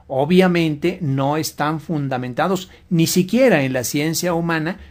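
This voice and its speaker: A man giving a measured, lecturing talk as a guest on a religious radio program. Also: a little high.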